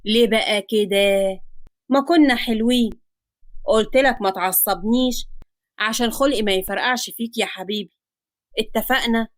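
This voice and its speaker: A woman's voice: fairly high pitch, dry recording, close to an everyday voice. A woman with an Egyptian Arabic accent voicing a menacing, mocking young man who calls himself a psycho, taunting and threatening in a storybook reading. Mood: mocking menace. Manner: taunting, sarcastic, slow and threatening.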